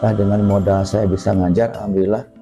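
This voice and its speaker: A low-voiced man tells his own life story in a slow, deliberate way. Clear background music plays under his voice. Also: flat delivery. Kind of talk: reminiscing interview.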